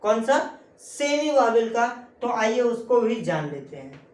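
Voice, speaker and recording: A woman's voice: fairly high pitch, very animated, measured pace, a little mellow. A woman teaching English grammar in an online lesson, asking the class a question after each point and answering it herself. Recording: echoey room.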